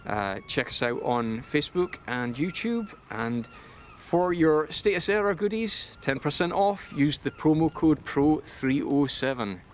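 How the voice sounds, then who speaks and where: A man's voice: a little high, expressive, a little slow, few pauses, a little hiss or hum. A Scottish man hosting, chatting casually with drivers at an outdoor drift event and repeating their answers back to them. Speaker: host. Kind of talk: casual interviewing at a motorsport event.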